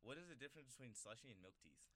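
A man's voice: mid-range voice, expressive, very fast, fairly bright tone. A man hosting a casual interview show, chatty and loose, often hunting for the right word. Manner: loose, chatty, searches for words. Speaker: show host.

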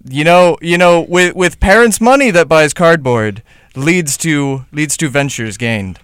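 A man's voice: on the high side, expressive, a little slow, a bit bright, clean tone, no echo, studio quality. A man hosting a comedic podcast, with playful, theatrical announcer delivery. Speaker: podcast host.

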